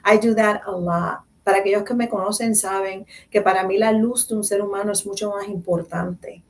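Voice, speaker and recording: A woman's voice: mid-range voice, steady tone, normal speed, distant mic. A woman hosting a talk show, chatting playfully and emphatically while switching between Spanish and English. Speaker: host. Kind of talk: casual bilingual talk show chat.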